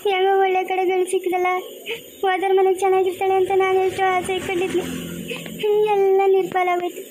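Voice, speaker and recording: A woman playing a very high-voiced pleading village mother. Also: monotone, fast, noisy background. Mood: grieving. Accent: Kannada of the Chikkaballapur region. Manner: tearful, pleading. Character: worried village mother of a deaf daughter. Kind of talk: amateur family drama acting.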